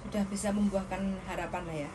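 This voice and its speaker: A woman's voice: mid-range voice, fairly even intonation, fast talker. Woman interviewer, off-mic. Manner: brief, encouraging, short murmured replies. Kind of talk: casual interview chat. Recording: distant mic, noisy room.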